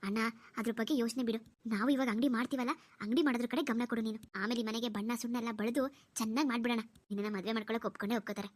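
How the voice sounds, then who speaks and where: A woman's voice: a little high, fairly even intonation, rapid-fire, a little mellow, dry recording, natural voice. A woman voicing a grateful, earnest young village sister in a cartoon, who speaks emotionally. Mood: eager. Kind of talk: Kannada cartoon dubbing.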